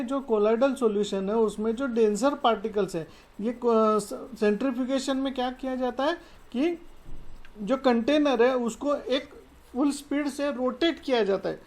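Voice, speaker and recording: A woman's voice: on the high side, darkish tone. Woman teaching science with many "okay"s. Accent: Marathi-influenced Hindi. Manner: explanatory, mixes English terms, frequent "okay" fillers. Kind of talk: classroom lecture explaining slides.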